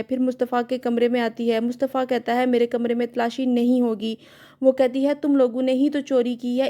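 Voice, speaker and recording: A woman narrating a scripted recap of a drama episode in an even, matter-of-fact way. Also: on the high side.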